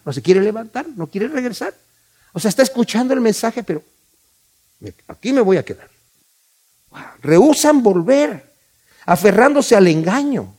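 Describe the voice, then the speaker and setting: A man preaching a sermon as pastor, swinging between loud, drawn-out emphasis and quiet asides. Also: on the high side.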